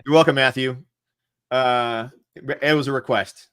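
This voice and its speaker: A man's voice: medium pitch, steady tone, a little slow, a bit bright, clear, resonant tone. A man co-hosting a casual chat show, rambling and candid with lots of fillers, laughing often as he talks. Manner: laughs often while talking. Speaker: co-host.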